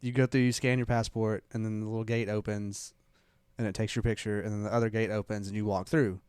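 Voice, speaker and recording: Man, podcast co-host, chatty rambling storyteller, smooth clear voice, dry close mic. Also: fairly low pitch, fast, no room sound. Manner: rambling storyteller, animated retelling with repeats. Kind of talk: casual chat.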